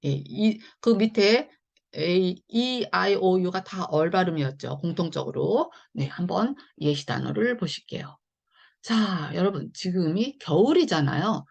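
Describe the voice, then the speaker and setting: A woman's voice: fairly low pitch, animated, unhurried, gravelly, a little mellow, breathy edge, dull audio. A woman teaching English phonics in a chatty, step-by-step online lesson. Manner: chatty, repeats "자" and "네" often, explains step by step.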